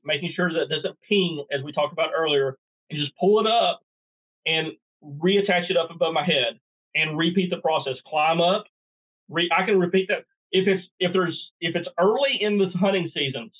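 A middle-aged man, a guest in a podcast interview, folksy with dry sarcastic humor. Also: sits high. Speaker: guest bowhunter. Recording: tinny phone line.

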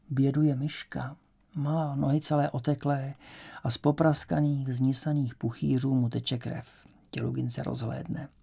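A man narrating an audiobook in a measured, even storytelling manner. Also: mid-range voice, creaky, husky.

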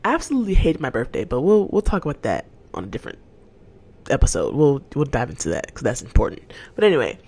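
A nineteen-year-old woman from Atlanta, Georgia hosts her own solo podcast, chatting candidly and laughing easily while often trailing off and restarting sentences. Her voice is extremely low and dark with a breathy edge, moving fast and swooping wildly in pitch.

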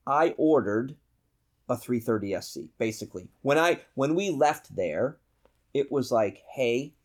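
Guy w boston accent, casual storytelling on a podcast, normal pitch, bit of ribbing. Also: expressive, a little slow. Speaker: podcast guest, aerobatic pilot.

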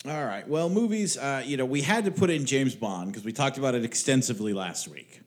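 A man's voice: medium pitch, animated, brisk. A man co-hosting a podcast, chatting casually in a wry, rambling way with some swearing. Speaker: podcast co-host. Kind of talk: casual chat.

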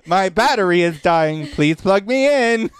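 A woman doing a glitching robot, slow and clipped. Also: mid-range voice, animated, a little hiss or hum. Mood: robotic. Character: malfunctioning glitching sex robot. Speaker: podcast co-host.

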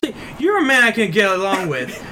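A man's voice: high voice, wildly swooping pitch, brisk, sharp tone, slight background noise. A man chatting casually as a player in a tabletop role-playing game.

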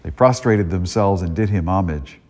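Low and a little mellow, this priest's voice moves at a moderate pace. He reads the gospel and then gives a conversational homily in church, restarting sentences often, and the recording carries a long, cathedral-style echo.

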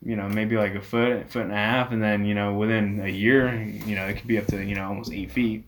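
A man's voice: lowish voice, fairly even intonation, fairly quick, a little hiss or hum, rough recording. A man being interviewed as a guest, explaining things casually in a rambling, filler-heavy way. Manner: rambling, peppered with "you know". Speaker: interview guest, reptile rescue owner.

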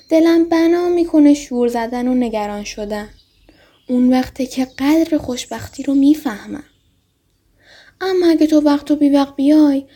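A woman voicing a wistful, gentle fox who longs for friendship, in a storybook reading. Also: high voice. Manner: gentle, heartfelt, pleading.

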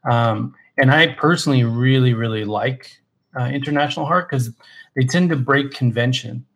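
A man co-hosting a podcast in casual chat, relaxed and enthusiastic, with lots of fillers and restarts. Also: medium pitch, normal speed. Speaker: podcast co-host.

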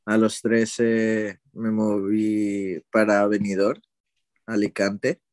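This is a young Ecuadorian man talking very slowly in a fairly low voice during a casual conversation where he's the interviewee. He rambles a little in a relaxed way, hesitating and fixing his own words. The recording is dry and studio quality.

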